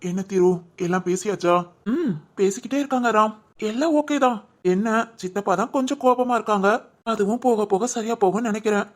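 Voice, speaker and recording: Woman, storyteller, family drama, emotional, conversational, medium pitch. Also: brisk. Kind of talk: homemade family drama voicing.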